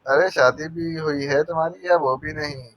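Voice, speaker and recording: A man's voice: a little high, fairly even intonation, moderate pace, fairly bright tone, close to an everyday voice. A man voicing a male spy who mocks his captive with silly, teasing wordplay, in an audio novel. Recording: dull dry narration recording.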